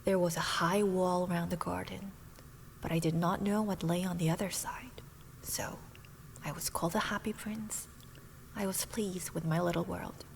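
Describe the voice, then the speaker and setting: In a whispered role-play, a woman voices a sorrowful young prince who is a golden statue, using a low, slow, steady whisper with a gravelly texture. The rough recording carries a slight hiss or hum.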